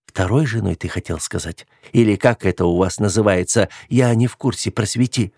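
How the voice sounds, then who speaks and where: A man's voice: on the low side, brisk, a little mellow, slightly rough, no echo, studio quality. A man voicing a scornful, hurt young woman. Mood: mocking. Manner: cutting, scornful. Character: proud hurt young woman, sharp-tongued.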